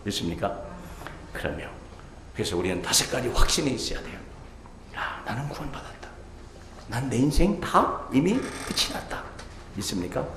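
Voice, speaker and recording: A male pastor delivers a sermon with a gravelly voice, leaping from soaring cries to soft, near-whispered asides and peppering the congregation with questions. His pitch rises and falls over a wide range. The sound carries through a reverberant church hall with faint background noise. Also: very animated, normal speed, pauses often. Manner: preaching with sudden swings from loud exclamations to soft, hushed asides. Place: church sanctuary.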